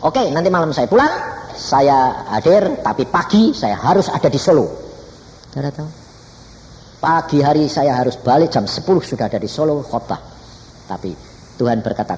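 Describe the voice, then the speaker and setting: An older male evangelist with a Javanese accent, preaching in an animated storytelling style with a lively, swinging pitch. His voice rings through a long reverberant hall with a faint wash of ambience behind it. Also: slight background noise. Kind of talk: sermon with acted-out dialogue. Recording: distant, echoey church hall with faint ambience.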